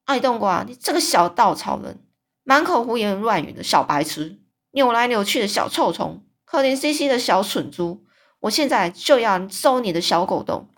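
A woman's voice: a little high, animated, normal speed. Woman putting on a bellowing man-eating giant. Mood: insulting. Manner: bellowing, bullying, greedy. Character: huge brutish man-eating male giant.

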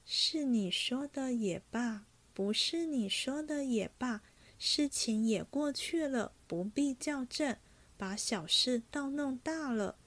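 A sensible young lady talks in a calm, coaxing, reasoning way. A woman reading the story aloud plays her. The voice is fairly high for a woman. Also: takes it slowly, heavily acted.

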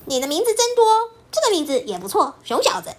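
A cheeky little monkey boy from a storybook, put on by a woman, squeaky and full of giggles. The pitch is very high and leaps around. He sounds teasing and mischievous. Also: huge pitch swings, fast. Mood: curious.

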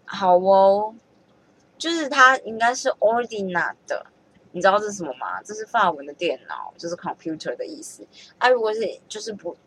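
A woman's voice: medium pitch, sing-song, normal speed, a bit bright, husky. A woman chatting casually as she thinks aloud, often correcting herself and laughing at her own mistakes. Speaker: vlogger learning French.

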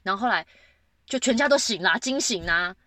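Animated woman telling a story brightly. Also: a little fast, no echo. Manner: lively storytelling, acts out quotes with big pitch jumps. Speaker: podcast co-host. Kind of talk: casual chat.

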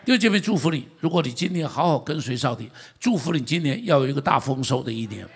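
A male pastor with a Taiwanese Mandarin accent, preaching a sermon in an animated way and putting questions to the congregation. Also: mid-range voice, fast, vocal fry, slightly rough.

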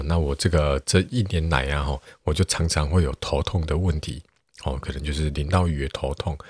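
A man's voice: a bass voice, slightly rough, dry recording, studio quality. A man, a teacher hosting a podcast who talks in a chatty way with many fillers. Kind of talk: casual podcast talk.

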